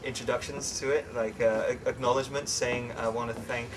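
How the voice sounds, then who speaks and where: A young English-born man raised in the Netherlands, talking as an interview guest in a relaxed, chatty way with many fillers and restarts. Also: mid-range voice, brisk, over music. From England, raised in the Netherlands. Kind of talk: casual interview chat. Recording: distant mic with clear background noise.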